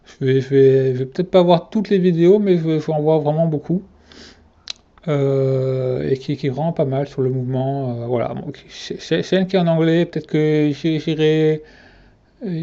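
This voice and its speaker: A man's voice: mid-range voice, dark tone, lo-fi sound. A man ranking his favourite fitness channels in a casual vlog, hesitant and full of fillers and restarts.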